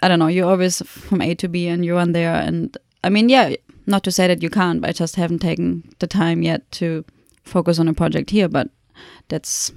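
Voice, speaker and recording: A middle-aged woman from Germany with a German accent, her voice carrying a gravelly, creaky texture as she muses through her answers. She pauses and restarts often, picking her words with care. The sound is close and dry, with no room around it. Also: fairly low pitch, fairly even intonation, darkish tone, no room sound. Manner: reflective, halting, many restarts. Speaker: photographer guest. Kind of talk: conversational interview.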